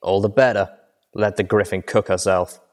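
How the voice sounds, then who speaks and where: A man voicing a scheming crime boss stallion who speaks with calm menace. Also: lowish voice, moderate pace, lightly acted. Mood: smug.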